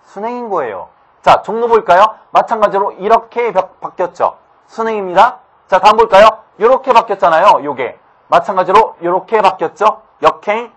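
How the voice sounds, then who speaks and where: Male lecturer with a high voice, brisk, keeps quizzing the class with rhetorical questions. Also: expressive, fairly bright tone, husky. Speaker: teacher. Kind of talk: online grammar lecture.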